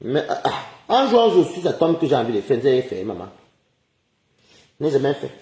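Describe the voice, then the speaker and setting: A man's voice: medium pitch, big pitch swings, fairly quick, mellow. A man ranting indignantly on a casual live stream, firing off rhetorical questions and chuckling often. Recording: roomy echoey recording.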